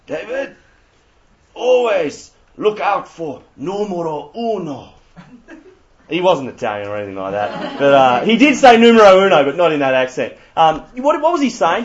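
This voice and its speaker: Australian man giving a playful church talk. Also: a little high. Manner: quizzes audience, playful asides. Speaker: youth speaker. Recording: slightly muffled lo-fi recording.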